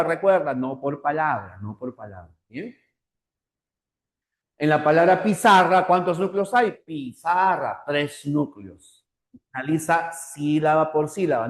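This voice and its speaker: Male teacher, methodical and patient, a bit high-pitched, roomy echo. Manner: repeats points with tag questions, patient and methodical. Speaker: language teacher. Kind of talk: online class lecture.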